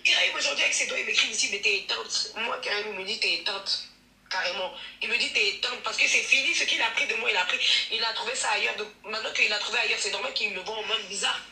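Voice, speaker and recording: Bright fast-talking woman, echoey and distant. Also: fairly high pitch. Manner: rambling, repeats herself, laughs between lines. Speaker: live stream guest. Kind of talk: emotional live stream confession. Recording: echoey, from a distance, faint noise.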